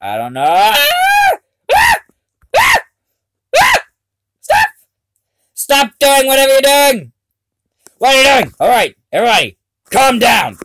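A man gaming and commentating in a berserk rage, yelling and screaming in frustration. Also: very high voice, huge pitch swings, a little slow, long pauses. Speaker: gamer recording gameplay.

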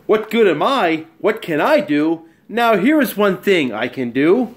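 A man gives a high, sing-song, somewhat slow voice to an eager spotted animal in a storybook, boasting and pleading as it shows off magic tricks in a small, bright room at home. There's a faint hiss or hum in the audio.

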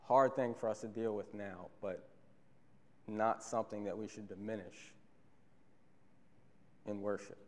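A man's voice: lowish voice, steady tone, a little slow, long pauses, a little mellow. A young man preaching a sermon from a church pulpit into a stand microphone, earnest and repeating key phrases for emphasis. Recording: long church hall reverb.

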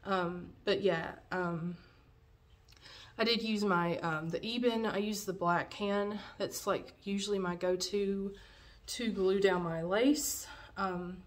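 A young woman with a cold, sounding slightly nasal, reviews a wig in a casual vlog filmed on a camera in front of her. She speaks at medium pitch, slowly and steadily, with lots of fillers, indoors in a dim room at home.

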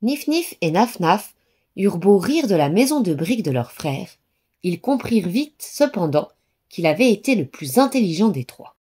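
A woman narrating a children's story in a lively, expressive reading voice. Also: mid-range voice, normal speed, husky.

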